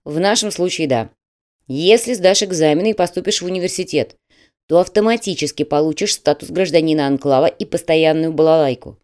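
A woman voicing a stern middle-aged male admissions manager who talks in a brisk, official and mocking way. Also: low voice, a little mellow, lightly acted.

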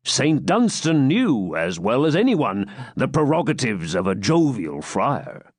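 A man's voice: mid-range voice, huge pitch swings, a little slow, slightly rough, dry recording, clean studio sound, exaggerated voice. A man reading the part of a jovial old hermit friar, in a hearty, mock-grave recitation.

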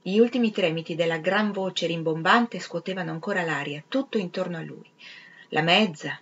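A woman reading a literary novel aloud in a measured, expressive way, sometimes sinking to a whisper. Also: fairly low pitch, slight background noise. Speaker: reader. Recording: slightly dull, lo-fi recording.

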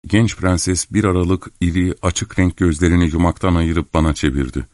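A man calmly narrating a literary novel in the first person as an audiobook reader. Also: sits low, no room sound, clean studio sound. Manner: calm, measured storytelling.

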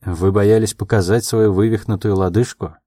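A man playing a calm, earnest young sleuth. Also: lowish voice, dry recording, studio quality, lightly acted. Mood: probing, calm. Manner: calm, quiet and measured.

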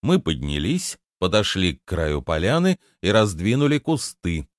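A man narrating a first-person fantasy audiobook in a measured storytelling voice, with lively intonation, recorded close and dry. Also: deep voice, no echo.

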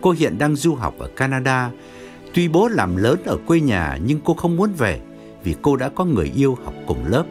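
A man narrating an audiobook story with expressive storytelling. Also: medium pitch, moderate pace, faint music behind. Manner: expressive, wide-ranging storytelling.

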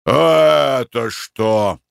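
A man voicing a rough, suspicious hotel corridor servant who barks accusations in an audiobook. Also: mid-range voice, drawn-out words, no echo, clean studio sound, voice pushed up, heavily acted. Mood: angry, suspicious. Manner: shouting, gruff accusations.

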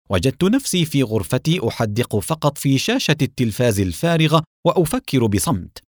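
A man narrating a first-person story in a reflective, expressive reading style, recorded close to the mic. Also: mid-range voice, no echo. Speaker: audiobook narrator.

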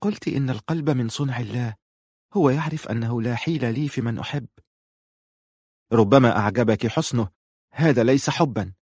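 A man voicing a shy, lovesick eighteen-year-old girl who speaks softly and pleads. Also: medium pitch, breathy edge, no echo, studio quality. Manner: soft, pleading, tender.

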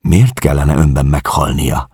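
A man reading an audiobook, voicing a calm, skeptical male listener who speaks cautiously and in a measured way. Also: rumbling low, breathy edge, no echo, clean studio sound, full character voice.

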